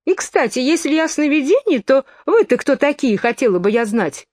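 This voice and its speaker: A woman's voice: sits high, sing-song, normal speed, darkish tone, no echo, studio quality, pitched above the performer's own voice. A woman voicing Alice, a curious, polite young girl who turns indignant when argued with, in a storybook reading.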